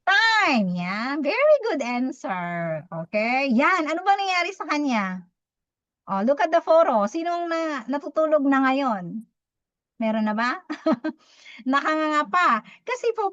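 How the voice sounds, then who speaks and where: A woman, teaching public speaking to a live audience, talking fast and quizzing her listeners. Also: sits high, a bit bright, no echo, muffled recording. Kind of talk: interactive talk to a live audience.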